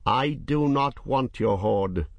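A man's voice: medium pitch, expressive, takes it slowly, dry recording, voice pushed up. A man voicing a young male wizard, giving short guarded answers.

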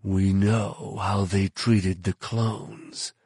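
A man doing a grim, husky bounty hunter. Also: fairly low pitch, flat delivery, takes it slowly, no room sound, studio quality. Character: grim hardened male bounty hunter, curt. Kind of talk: audiobook narration.

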